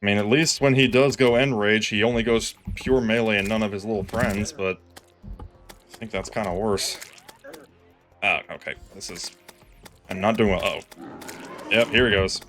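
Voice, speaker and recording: Gaming streamer, male, lowish voice, self-mocking play-by-play, faint game music behind. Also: moderate pace, pauses often. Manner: self-deprecating, excitable, groans and pleads at the game. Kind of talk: live gameplay commentary.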